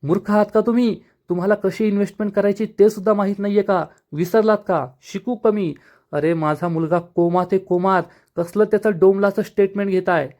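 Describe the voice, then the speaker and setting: A man voicing a furious, powerful rich father who scolds and shouts at the police in a retold serial scene. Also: a little high, fairly quick, lightly acted.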